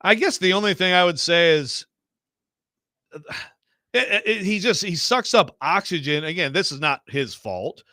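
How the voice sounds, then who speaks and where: A man's voice: high-pitched, animated, normal speed, long pauses, bright, forceful tone, no room sound, studio quality. A man hosting casual sports talk radio, wordy and often interrupting himself.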